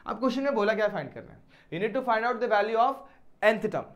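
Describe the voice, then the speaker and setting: A man's voice: sits high, lively intonation, moderate pace. A male maths teacher explaining problems step by step in a classroom lecture, often putting questions to his students.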